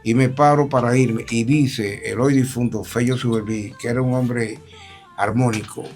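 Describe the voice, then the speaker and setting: A man's voice: mid-range voice, normal speed, faint music behind. An older man with a Dominican accent, a politician guest animatedly retelling events and acting out the dialogue. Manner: animated, acts out quoted dialogue. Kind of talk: storytelling interview.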